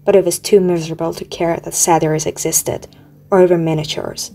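A woman reading an audiobook aloud in a steady, measured storytelling manner. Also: lowish voice. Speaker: audiobook reader. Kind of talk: audiobook narration. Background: faint music.

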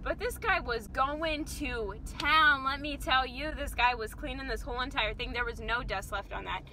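Young woman, chatty car vlog, high voice, rambling asides, car and street noise behind. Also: normal speed, pushed and bright, poor audio. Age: young adult. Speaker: vlogger. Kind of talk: casual storytelling vlog. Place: inside a car at night. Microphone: phone camera mounted near the steering wheel.

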